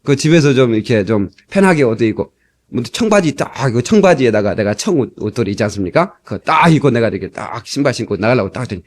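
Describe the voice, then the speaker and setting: A man's voice: medium pitch, fast. A middle-aged man preaching a storytelling sermon, acting out the people he quotes, from an old cassette tape. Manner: animated, acts out quoted people. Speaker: pastor.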